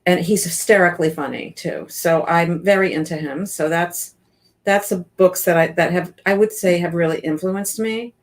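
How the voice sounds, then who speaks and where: Enthusiastic woman coach in her fifties, lower voice, talks freely with restarts. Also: moderate pace. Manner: chatty and enthusiastic, with frequent restarts. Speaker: guest business coach. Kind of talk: casual interview chat.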